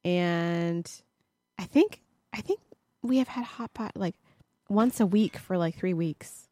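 A woman's voice: lowish voice, slow, dark tone, dry recording. A woman co-hosting a podcast in casual chat, sounding nasal and congested as she recovers from a cold, rambling and laughing often. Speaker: podcast co-host.

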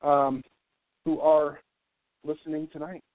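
Taking it slowly in a slightly high, flat voice, a congested American man hosts a casual radio show, rambling and stammering as a joke. He's from New Hampshire and mouth-breathing, on a thin close-curled mic over a thin, phone-like line with slight background noise.

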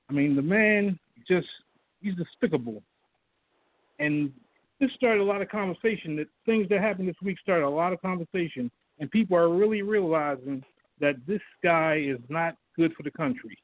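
A man calling in to a talk show, calm and reassuring, stammering now and then. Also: sits high, no room sound. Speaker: caller. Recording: tinny phone line.

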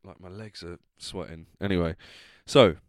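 An Englishman hosts a casual solo podcast while drunk. His voice is fairly low and smooth, recorded close and dry. He rambles, breaking off and restarting his thoughts in a loose, chatty way. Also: steady tone, normal speed, no echo. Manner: rambling, trailing off, self-interrupting. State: drunk, tipsy. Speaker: podcast host.

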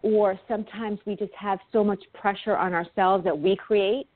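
A woman with a New York accent, a guest on an interview, talking quickly and earnestly with some ums. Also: mid-range voice, fairly even intonation, no room sound. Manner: quick, heartfelt talk with ums. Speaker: guest, animal communicator. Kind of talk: casual interview chat. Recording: dry, tinny phone-like line.

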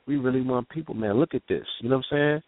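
A fast-talking man with a mid-range voice shares a personal story as a guest, heard over a dry, tinny phone connection. His raw, conversational eyewitness account is intense and vivid, packed with casual street slang and frequent checks of "you know what I'm saying."

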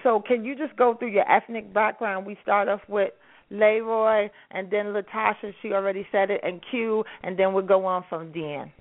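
A Harlem, New York, woman hosts a call-in radio panel, chatty and laughing often. Her medium-pitched voice has fairly even intonation and a moderate pace, heard over a phone call with narrow phone-line sound.

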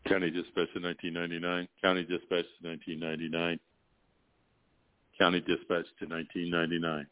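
A man's voice: low voice, monotone, quick pace, dry recording. Male dispatcher over police radio. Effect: police radio transmission. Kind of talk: radio call. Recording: narrow, phone-like radio audio.

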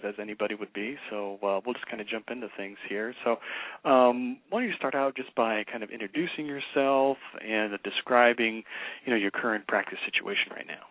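Brief: male interviewer, lowish voice, rambling questions, dry phone-line sound. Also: steady tone, a little fast, no room sound. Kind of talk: casual interview.

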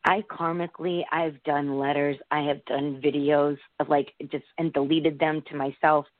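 Radio show caller: woman, low register, tinny phone line, rambling spiritual talker. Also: flat delivery, moderate pace. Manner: rambling, spiritual self-talk with "like".

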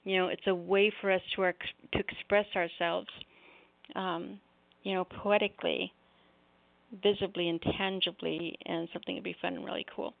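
A woman's voice: mid-range voice, vocal fry. A middle-aged woman hosting a poetry open mic show, chatting through announcements in a rambling, apologetic way, her articulation slightly off after jaw surgery. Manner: rambling, apologetic, self-interrupting. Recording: thin, roomy phone-line sound.

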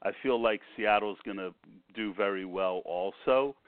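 Male podcast host, lowish voice, slightly sick, halting casual sports commentary over a narrow, tinny phone connection. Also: no room sound. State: a little under the weather. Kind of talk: casual fantasy football commentary. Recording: tinny phone-line sound.

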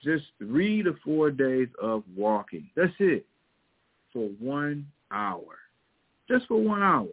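A man's voice: a little high, sing-song, takes it slowly, husky. Phone-like audio, man with Missouri twang. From Missouri, United States. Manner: folksy, emphatic, repeats key points. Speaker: fitness and weight loss coach. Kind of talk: casual motivational advice talk to viewers.

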